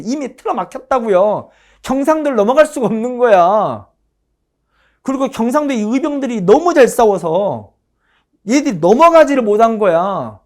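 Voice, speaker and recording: Lively woman lecturing on history. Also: a little high. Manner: animated, asks the class questions and answers them herself; emphatic, repeats her points.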